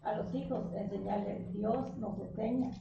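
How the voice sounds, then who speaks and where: A woman in the congregation speaking up during a sermon, with a gravelly voice. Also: mid-range voice, unhurried, highs cut off. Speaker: congregation member. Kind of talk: comment from the pews during a sermon. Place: church hall. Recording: distant voice in an echoey, noisy church.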